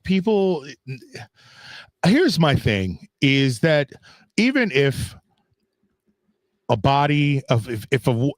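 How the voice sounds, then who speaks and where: A man's voice: mid-range voice, no room sound, clean studio sound. A man in his fifties co-hosting a casual talk show, rambling with lots of fillers and restarts. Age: 50s. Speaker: podcast co-host. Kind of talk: casual chat.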